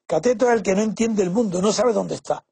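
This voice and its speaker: Man, high gravelly voice, very raspy; reflective, opinionated explainer, hesitant fillers, dry close sound. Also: mellow, no echo. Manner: measured, pausing with frequent "eh" and restarts. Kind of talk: reflective spoken essay.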